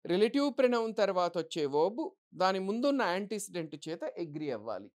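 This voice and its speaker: Her mid-range voice is sing-song and a little mellow as she teaches English grammar for exams. Posing questions to the class, she answers them herself and reads example sentences slowly and deliberately.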